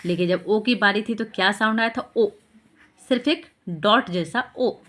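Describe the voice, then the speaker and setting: A woman's voice: medium pitch, moderate pace, fairly bright tone. Patient woman explaining with rhetorical questions. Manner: patient, repeats examples and checks in with rhetorical questions. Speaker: teacher explaining Hindi vowel signs to parents. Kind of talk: explanatory lesson.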